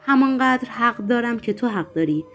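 Woman voicing a shrill spiteful young actress. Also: expressive, soft background music.

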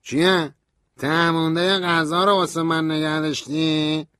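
A shrill loud bitter dude, slow sneering drawl, keeps shouting. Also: male voice, flat delivery, clean tone, no echo, clean studio sound. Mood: mocking. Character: bitter mocking grown man, volatile and grieving.

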